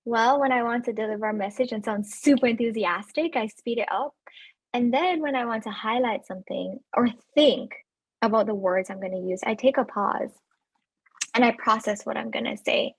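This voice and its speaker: Her webinar is about residency interviews, and this thirties-aged woman delivers it with animation, easy laughter and direct address to her audience in non-native accented English. The close, dry recording captures a fairly high, slightly husky voice.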